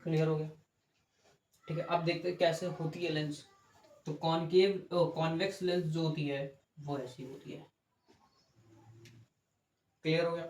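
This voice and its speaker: Speaking a little slowly with long pauses, a man with a slightly high, somewhat mellow voice and little pitch movement gives a physics lecture at the board. He explains each step, asks checking questions, and corrects himself while drawing, in an echoey room with faint background noise.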